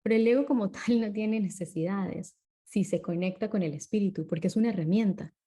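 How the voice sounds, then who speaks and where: A woman with a mid-range voice appears as an interview guest, calmly and unhurriedly explaining ideas and often adding short tag questions to check in.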